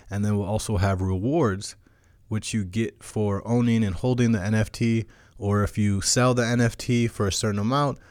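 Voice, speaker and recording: A man with a fairly low voice presents an explanatory solo show in a crypto bro manner, pitching with slangy hype. The sound is very dry and close, with no room around it. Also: dry recording. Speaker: host of a weekly crypto show. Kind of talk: explanatory monologue on crypto business.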